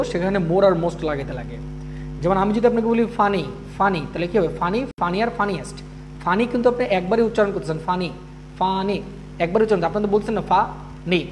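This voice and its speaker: A man teaching an English grammar class, repeating each rule and often checking that students follow. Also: sits high. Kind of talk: live online class.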